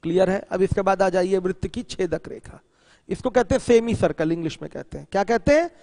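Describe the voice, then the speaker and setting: A man teaches a geometry class in a high, bright-pitched voice, checking in with students constantly and answering his own questions. He switches into English for technical terms and reads out questions from viewers. The sound is close and dry, yet a long hall reverb trails after his words. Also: a little fast. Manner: asks students questions often and answers them himself; mixes English terms into the explanation. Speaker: math teacher. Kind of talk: online geometry lesson.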